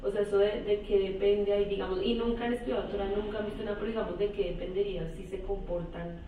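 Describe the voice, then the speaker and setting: A woman's voice: medium pitch, fairly even intonation, fast talker, narrow, tinny audio, a little hiss or hum. A woman student asking hesitant questions in a class, often rephrasing as she goes. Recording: very echoey room, distant mic.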